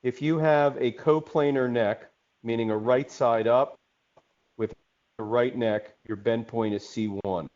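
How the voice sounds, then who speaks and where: A man's voice: mid-range voice, steady tone, a little slow, darkish tone. A man teaching an online webinar in a conversational way, often checking in with "okay?". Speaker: instructor. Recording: dull lo-fi webinar audio.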